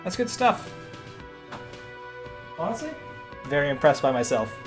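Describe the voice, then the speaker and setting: A man's voice: on the high side, sing-song, a little slow, music in the background. A man streaming a game, playfully reading his choices aloud in casual commentary.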